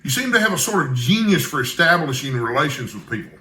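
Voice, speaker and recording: Male reader as storybook newspaper editor, older Scot, kindly and wry, bright raised voice, roomy echo. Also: medium pitch, big pitch swings, quick pace. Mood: encouraging.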